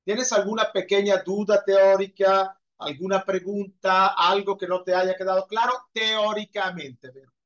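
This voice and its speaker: A man's voice: sits high, flat delivery, moderate pace, hardly any pauses, fairly bright tone. A man teaching an Italian class over a video call, patiently answering students' questions and praising them often. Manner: patient, encouraging, repeats praise. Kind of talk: online class Q&A. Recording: muffled video call audio.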